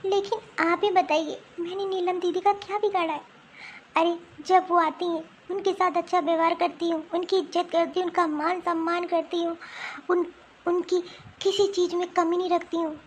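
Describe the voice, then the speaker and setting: Woman voicing a tearful young bride, very high. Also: little pitch movement, normal speed, a little hiss or hum. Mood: pleading. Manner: pleading, self-pitying complaints. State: crying. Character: young pregnant daughter-in-law, wronged and tearful. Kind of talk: Hindi cartoon voice acting.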